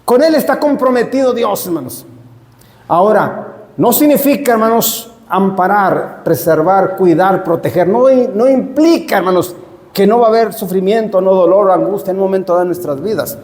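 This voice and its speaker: A man's voice: high voice, animated, normal speed, a little mellow, echoey room, big-room sound. A male pastor preaching a sermon, emphatic and repetitive, who keeps addressing the congregation as brothers. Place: church hall.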